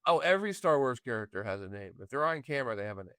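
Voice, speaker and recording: Guy with a smooth clear voice cracking jokes and laughing on a podcast, dry mic. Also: mid-range voice, very animated, rapid-fire, sharp tone, no echo. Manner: laughs often, jokey asides. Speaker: podcast co-host. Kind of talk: casual movie review chat.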